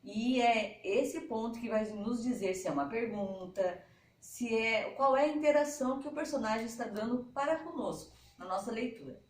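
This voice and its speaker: A woman's voice: fairly high pitch, animated, moderate pace. A woman teacher giving a patient, step-by-step lesson to schoolchildren. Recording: echoey room, mic at a distance.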